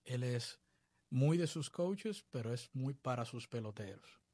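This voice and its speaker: A man from the Dominican Republic, a baseball coach being interviewed, talking in a measured, reflective way. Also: mid-range voice, expressive, mellow, no echo. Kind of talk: podcast interview.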